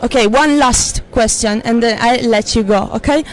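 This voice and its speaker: A woman with a slightly high voice asks passers-by questions in a friendly, reassuring way. She keeps things light and encouraging. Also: normal speed. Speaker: interviewer. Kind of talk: street interview questions.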